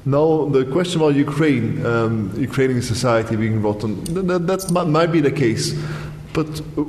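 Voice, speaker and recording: Male panelist, measured and explanatory, echoey hall with faint hiss. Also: mid-range voice, darkish tone. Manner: measured, explanatory, with frequent ums. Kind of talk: panel discussion answer. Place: large hall.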